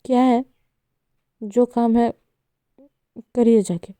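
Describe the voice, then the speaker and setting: A woman voicing a hot-tempered young woman who snaps sharp scolding retorts, in a spoken love story. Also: on the high side, normal speed, dry recording, lightly acted. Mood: snapping.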